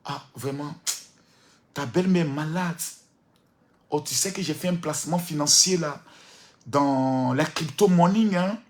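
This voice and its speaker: A man voicing a smooth-talking male scammer who begs his lover for money in a soft, wheedling tone. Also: a little high, measured pace, pauses often, natural voice.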